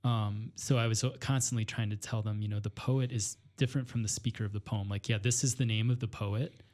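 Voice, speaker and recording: A man from northwestern Illinois, a poet and teacher, speaking reflectively as a podcast guest, pausing often with fillers and restarting his sentences. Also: on the low side, fairly even intonation, a little mellow. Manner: thoughtful, hesitant, many fillers and restarts. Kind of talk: reflective conversation.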